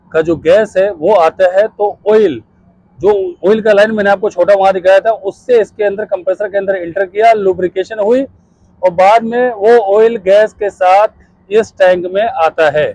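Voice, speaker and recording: A man in his thirties teaches on a rooftop next to a chiller, going through the parts step by step as he points them out. His voice sits high for a man. The phone recording is close and dry. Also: darkish tone, no echo, poor audio. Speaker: HVAC instructor. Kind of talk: hands-on technical explanation. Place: outdoors on a rooftop beside a chiller unit. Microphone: phone camera held by a helper.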